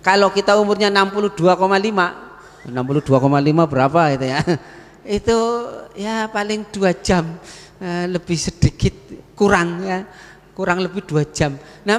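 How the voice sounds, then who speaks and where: A male preacher, giving a mosque sermon to the congregation and slowly chanting Quranic verses. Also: high voice. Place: mosque hall. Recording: long reverb of a mosque hall.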